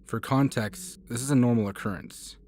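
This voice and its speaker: A man reading a first-person horror story aloud as scripted narration, in an even, measured way. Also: medium pitch, slight background noise.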